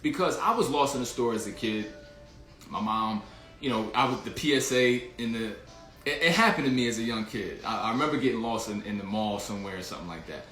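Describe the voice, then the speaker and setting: A man's voice: medium pitch, animated, a little fast, a bit bright, roomy sound, faint music behind. A man hosting a casual livestream, telling a rambling story full of slang and restarts while greeting viewers in the chat. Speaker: livestream host.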